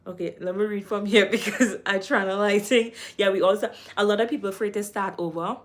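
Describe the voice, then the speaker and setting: A Trinidadian woman hosts a casual livestream from home, reading viewer comments aloud, laughing often and offering encouragement. Her mid-range voice is steady and fairly quick, and her manner is warm-hearted.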